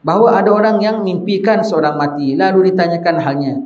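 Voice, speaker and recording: Animated Malay-accented male preacher, roomy sound. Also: high voice, a little fast. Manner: animated, mock-arguing in a rising, incredulous voice. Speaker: religious teacher. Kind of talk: sermon. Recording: roomy, muffled recording with faint hiss.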